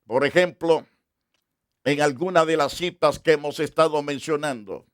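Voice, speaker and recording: A man preaching a sermon as pastor, slow and deliberate, with emphatic repetition. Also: fairly high pitch, smooth, dry recording, clean studio sound.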